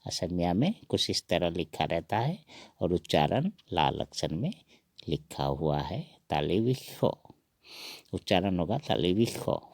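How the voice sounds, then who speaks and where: Male teacher, very deep gravelly voice, dry close sound, patient step-by-step drilling. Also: very animated, a little mellow, no room sound. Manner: slow, repeats each sound several times. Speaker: language teacher. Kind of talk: recorded alphabet lesson.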